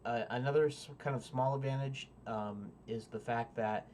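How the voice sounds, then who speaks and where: A man talks casually to his webcam from his home desk, rambling and hesitant as he explains his setup. His voice sits at an ordinary middle pitch. A faint hum runs underneath. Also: fairly even intonation, moderate pace, a little mellow. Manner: rambling and hesitant, many fillers and restarts. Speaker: indie game developer. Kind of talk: casual devlog talk to camera.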